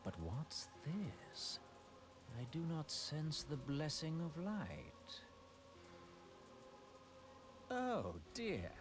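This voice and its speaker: Slow, menacing theatrical villain. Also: male voice, lowish voice. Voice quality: pompous, archaic diction. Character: arrogant sorcerer villain, male, coldly mocking and grandiose. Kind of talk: scripted video game voice acting.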